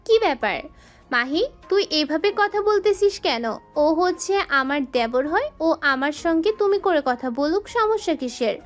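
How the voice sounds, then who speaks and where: An earnest young wife, played by a woman in an audio love-story drama. Her voice sits high and she talks in an explaining, pleading way, with soft music behind her. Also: lively intonation, normal speed. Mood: reproachful.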